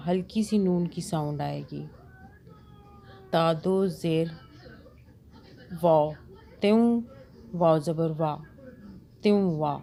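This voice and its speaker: A woman teaching Quran reading, patiently spelling out and repeating syllables in a slow lesson. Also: fairly low pitch, noisy background. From Pakistan.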